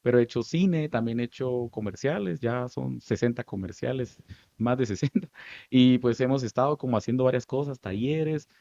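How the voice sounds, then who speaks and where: A Guatemalan man in his thirties, a stage actor, telling lively stories from his life in an interview, with a Guatemalan Spanish accent. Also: medium pitch, moderate pace, creaky, no room sound, dull audio. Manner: animated, lively storytelling with many asides. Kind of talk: storytelling interview answers.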